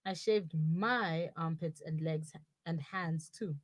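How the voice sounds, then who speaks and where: A woman's voice: sits low, takes it slowly, no room sound. A woman playing a blunt young woman trapped in her boyfriend's body, dry and sarcastic, in a comic audio drama. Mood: teasing.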